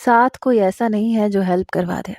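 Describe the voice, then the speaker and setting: A woman reading a smooth-talking young charmer. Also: medium pitch, dry recording, clean studio sound, lightly acted. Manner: flattering, persuasive. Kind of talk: storybook narration.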